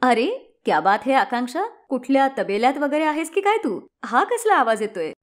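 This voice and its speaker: Lady doing a playful young girlfriend, a bit high, teasing. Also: very animated, fairly quick. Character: teasing young woman friend on the phone.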